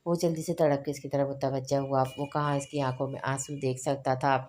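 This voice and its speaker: Brief: female audiobook narrator, low pitch, flat even delivery, measured pace. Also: a little hiss or hum. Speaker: novel narrator. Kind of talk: audiobook novel reading.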